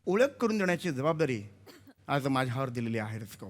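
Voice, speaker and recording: An actor playing a bumbling, pompous compere in a stage comedy sketch, flustered and tripping over names. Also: male voice, mid-range voice, very animated, brisk, faint music behind, close to an everyday voice. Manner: flustered, fumbles names and words. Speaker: comic compere character.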